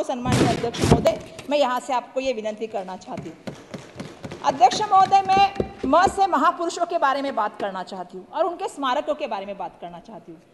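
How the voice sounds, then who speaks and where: A woman delivers an emphatic parliamentary speech in a high voice, returning again and again to address the chair. Her words ring out in a large chamber with a long, echoey reverb. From Maharashtra. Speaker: member of parliament.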